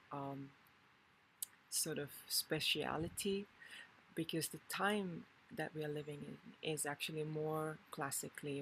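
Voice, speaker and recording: A woman from Finland, a Kundalini yoga teacher talking a class through a calm, unhurried introduction and often pausing to find her words. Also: deep voice, a little hiss or hum, poor audio.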